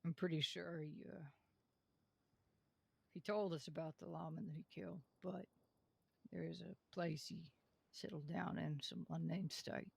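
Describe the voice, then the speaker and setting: A man role-plays a young lawman in a game, earnest and folksy. His is heavily creaky and husky, sitting a bit high for a man. He speaks in a measured, hesitant way with little swing in pitch. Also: fairly even intonation, no echo, full character voice. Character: young Western lawman, son of a reformed outlaw, earnest. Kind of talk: improvised Western role-play.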